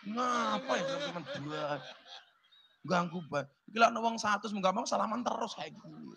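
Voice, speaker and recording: A man preaches with a Javanese accent, his voice high and bright. He jokes and talks back and forth with the crowd. His sermon keeps sliding between formal speech and casual Javanese. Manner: joking, chats with the audience, slips into Javanese. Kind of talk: humorous sermon to a village crowd.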